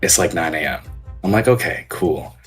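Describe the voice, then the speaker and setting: A man with a deep singer's voice tells a casual anecdote in a low-key, hedging way, as a guest on a voice call. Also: expressive, moderate pace, slightly rough, soft background music. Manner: low-key, hedging storyteller with frequent check-ins. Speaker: call-in guest on a live show. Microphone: voice call on Discord.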